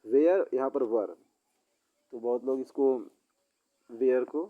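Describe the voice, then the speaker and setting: A man teaching a school English lesson, explaining words in Hindi and reading English sentences haltingly. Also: medium pitch, a little hiss or hum. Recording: dull lo-fi sound.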